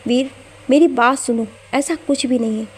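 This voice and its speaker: A man's voice: very high-pitched, steady tone, moderate pace, slight background noise. A woman voicing a young man pleading to be heard.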